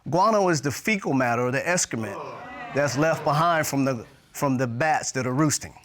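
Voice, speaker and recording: A man's voice: mid-range voice, animated, normal speed, a bit bright. A middle-aged man giving explanatory testimony as an expert witness.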